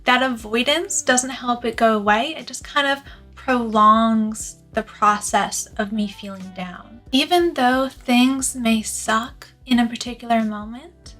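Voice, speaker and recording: A woman's voice: a little high, a bit bright. A woman giving scripted personal development advice to viewers in an earnest, articulate productivity YouTuber style, stressing key words. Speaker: self-improvement YouTuber.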